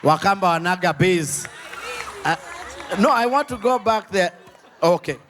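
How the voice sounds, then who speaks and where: A man's voice: sits high, lively intonation, a little slow. A man with a Kenyan accent hosting a live comedy show, calling out playfully to audience members in a noisy venue. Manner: loud, playful, calling out to the crowd. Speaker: host working the audience.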